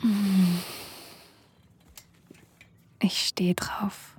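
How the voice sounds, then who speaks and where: A woman performing sensual whispered role-play in a breathy, airy voice, speaking intimately and directly to the listener, close to the microphone. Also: medium pitch, level tone, extremely slow. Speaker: erotic audio performer. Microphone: close microphone, dry sound.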